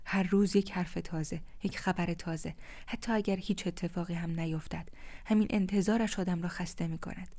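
A once-jovial uncle from a storybook, now weary, speaks heavily and sighs, read by a woman in her own voice. The tone is low, mellow and dark. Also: fairly even intonation, lightly acted. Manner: heavy, sighing. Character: weary middle-aged uncle, formerly jovial.

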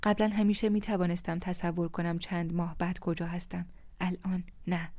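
A woman voicing a warm but uneasy young woman, soft and reflective, in a storybook reading. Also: fairly low pitch, little pitch movement, lightly acted.

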